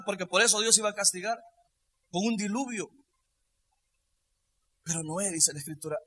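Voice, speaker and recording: A man preaching a sermon with emphasis, shifting between quiet lines and loud, half-sung phrases. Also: high-pitched, slight background noise. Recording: long reverb of a large hall.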